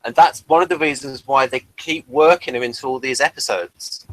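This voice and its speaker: A man hosts a TV episode review commentary, explaining things casually and sharing background details as he goes. His voice is medium-pitched and a bit bright at a normal speed, and the recording is rough.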